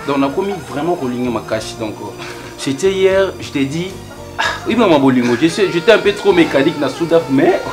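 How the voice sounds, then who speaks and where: Man acting as a lovesick young guy, excitable, loud music behind. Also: on the high side, fairly quick, lightly acted. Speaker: actor in Congolese theatre comedy.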